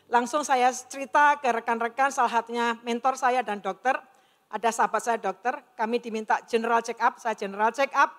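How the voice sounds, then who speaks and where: With a fairly high pitch, a steady, fairly bright tone and a brisk delivery, a middle-aged woman recounts her personal testimony earnestly to an audience. She acts out the dialogue she quotes, and the large hall gives her voice a long reverb.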